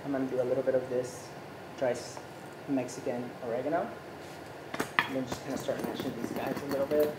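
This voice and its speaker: A man in his thirties, born in Ecuador, explaining a recipe as a chef in a relaxed, explanatory way with many fillers, recorded by a far camera in a home kitchen. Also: mid-range voice, brisk, pauses often. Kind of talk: cooking demonstration chat. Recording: echoey kitchen with background noise.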